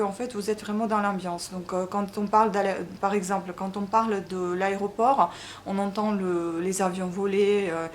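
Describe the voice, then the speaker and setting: A woman's voice: medium pitch, a little hiss or hum. Hesitant Ukrainian-born woman reviewing books. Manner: hesitant, many fillers and restarts. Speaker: book vlogger. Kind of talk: casual book review.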